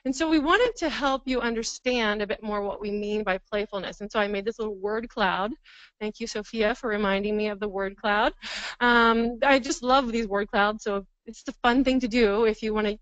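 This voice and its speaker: A woman's voice: a little high, no echo, muffled recording. A woman presenting a counseling workshop to a live room, thinking aloud and laughing often. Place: training room with live audience.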